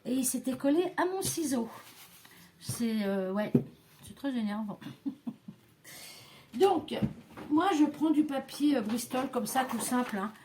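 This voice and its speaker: A woman's voice: sits high, animated, takes it slowly, pauses often, mellow, a little hiss or hum. A woman, demonstrating a craft project in a chatty, hesitant way, full of fillers and self-talk. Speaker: crafting tutorial host.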